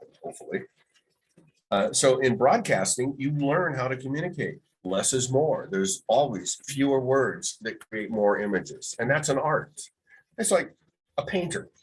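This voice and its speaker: A man's voice: on the low side, breathy edge, poor audio. A middle-aged man, a veteran radio broadcaster, giving advice in an interview and telling stories with quoted voices. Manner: storytelling, acts out quoted voices. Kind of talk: reflective interview talk.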